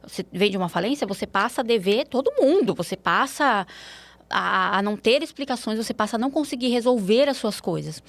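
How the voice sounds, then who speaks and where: A woman guest telling personal stories in a frank, animated way in a podcast interview. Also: a little fast, no echo. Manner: animated, frank, rising pitch in anecdotes. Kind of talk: candid personal storytelling.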